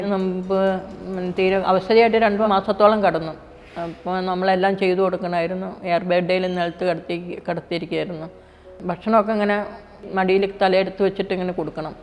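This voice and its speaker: A middle-aged woman, a mother, telling a personal faith story in quick, plain speech full of restarts. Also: lowish voice. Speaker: mother giving a faith testimony. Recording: dull, reverberant, with soft music behind.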